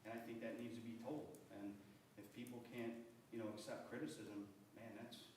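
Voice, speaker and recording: A man's voice: medium pitch, little pitch movement, darkish tone. A man at a council meeting speaks indignantly in public comment, stumbling and repeating himself. His voice comes from far off the mic in a very echoey room, with faint ambient noise behind. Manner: indignant, halting, repeats words. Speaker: public commenter, state representative.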